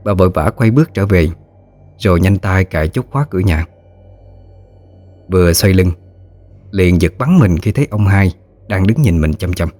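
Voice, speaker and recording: Brief: male ghost story narrator, very deep voice, faint music behind. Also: moderate pace, long pauses. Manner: steady storytelling.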